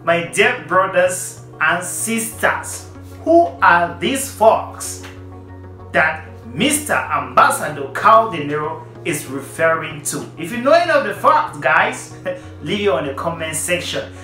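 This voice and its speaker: Young man, animated vlog commentary, bright tone, roomy echo. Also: fairly high pitch, takes it slowly, faint music behind. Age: young adult. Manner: animated, emphatic, addresses viewers directly. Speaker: vlogger. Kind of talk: casual commentary to camera. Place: plain indoor room.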